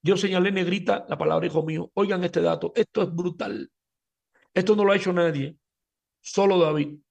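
High, gravelly man teaching a Talmud class. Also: steady tone, fairly quick, darkish tone, muffled recording. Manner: emphatic, addresses listeners, stumbles and repeats words. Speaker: religious teacher.

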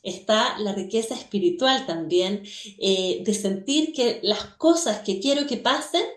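A woman's voice: mid-range voice, lively intonation, unhurried, roomy sound. A woman giving a reflective radio talk on a religious teaching, telling an everyday story and asking rhetorical questions. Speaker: guest speaker, religious teacher.

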